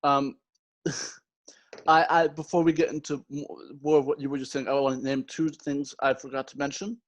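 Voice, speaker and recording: A young man co-hosting a casual film podcast, laid-back and quick to joke. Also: mid-range voice, little pitch movement. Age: young adult. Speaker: podcast co-host. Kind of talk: casual chat.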